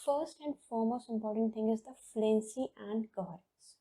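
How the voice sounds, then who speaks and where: A woman's voice: on the high side, moderate pace, dark tone, husky, low-quality recording. A woman teaching a test-preparation lesson, often checking in with "okay" and repeating her key points. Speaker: IELTS speaking teacher. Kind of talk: explanatory lesson.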